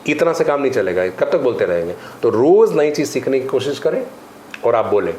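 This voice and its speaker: A man's voice: medium pitch, fairly quick. A man, a spoken English teacher, talking emphatically in a podcast interview. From India. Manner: animated, emphatic teaching, mixes Hindi with English phrases and drills. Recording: echoey room with faint ambient noise.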